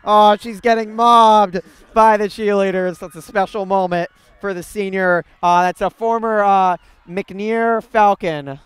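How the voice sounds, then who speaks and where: A young male broadcaster hosting live coverage from a stadium set. His voice sits high and clear with a crisp, bright edge, recorded close and dry. He talks in a loose, upbeat, chatty way and jokes with the people next to him. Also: steady tone, a little slow, hardly any pauses, dry recording. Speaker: student sports broadcaster. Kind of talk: live sports broadcast commentary. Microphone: handheld broadcast mic.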